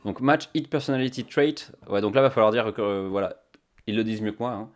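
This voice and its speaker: Man, slightly low voice, casual stream chat, rambling with fillers, cheap mic. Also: fairly quick. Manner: chatty, thinking aloud, many fillers. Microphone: cheap microphone.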